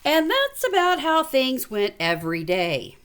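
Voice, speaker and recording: A woman with a high-pitched, a bit bright voice that swoops wildly reads a storybook at an unhurried pace. She's an elementary school teacher at a little desk in a small space away from school, adding informal, folksy asides and encouragement, with slight background noise.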